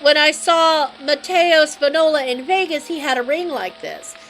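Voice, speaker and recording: A woman voicing a steady female FBI agent in plain, matter-of-fact game dialogue on a live stream. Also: high voice, moderate pace, soft background music, rough recording.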